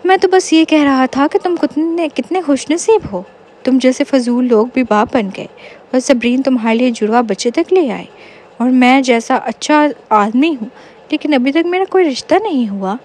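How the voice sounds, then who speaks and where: A woman's voice: high voice, darkish tone. A woman voicing a cheeky, self-pitying young man in a storybook reading. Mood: teasing. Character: cheeky lonely young man, whiny joker.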